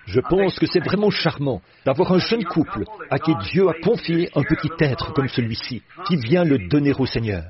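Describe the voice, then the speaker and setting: A man's voice: on the high side, expressive, normal speed, hardly any pauses, a crowd in the background. An older man preaching to a congregation, folksy and joking as he chats with the people in front of him. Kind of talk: sermon. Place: church platform before a congregation. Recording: muffled old recording, audience heard.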